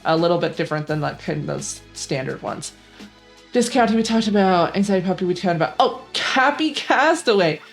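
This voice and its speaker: Young woman, rambling gaming vlog chat, lots of uh and um, fairly low voice, faint music behind. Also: lively intonation, brisk, gravelly. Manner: rambling, chatty, many fillers and laughs. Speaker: gaming channel host. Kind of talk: casual gaming vlog commentary.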